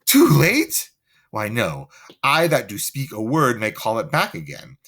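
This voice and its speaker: An earnest young woman pleads for mercy, her voice swinging widely between high urgency and low, quiet appeals, as a man reading the play speaks her part. Her pace is deliberate and her speech is impassioned. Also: wildly swooping pitch, breathy edge, heavily acted. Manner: earnest, pleading, rising and falling.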